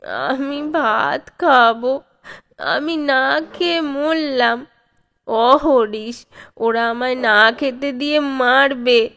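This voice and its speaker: A woman voicing a frail old grandfather of nearly a hundred, who cries like a child and begs for food in very slow, drawn-out pleas. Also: high-pitched, very animated, a bit bright, full character voice. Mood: whimpering. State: crying like a child.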